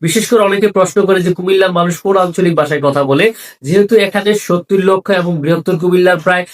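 A man from the Comilla region speaks in a formal, firm monologue, rattling off long lists of place names at a rapid clip. His voice sits a little high for a man. The recording catches him a bit distant from the mic. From greater Comilla region, Bangladesh. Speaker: video commentator. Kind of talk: opinion monologue to camera.

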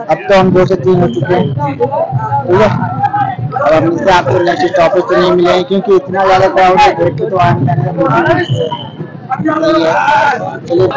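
A man's voice: high voice, normal speed, pauses often, low-quality recording. Young man vlogging from a crammed train. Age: young adult. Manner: chatty, talks straight to the camera while moving through a packed train. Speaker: travel vlogger. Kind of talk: casual vlog narration. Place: packed train carriage and busy station platform. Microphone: action camera held at arm's length. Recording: handheld camera in a loud crowd. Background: crowd chatter.

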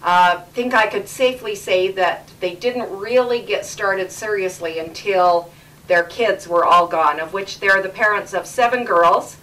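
A woman's voice: medium pitch, unhurried, sharp tone, recorded from a distance, low-quality recording. A middle-aged woman from Canada hosting a casual home interview with her parents, chatty and repeating words for emphasis, recorded as old camcorder audio.

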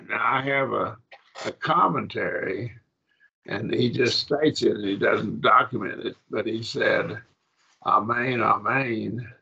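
A man teaching a Bible Greek class, halting and repeating himself, often checking that the class follows. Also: on the low side, vocal fry, sharp tone, slightly rough, dull audio. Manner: halting, repeats words, asks the class if it makes sense.

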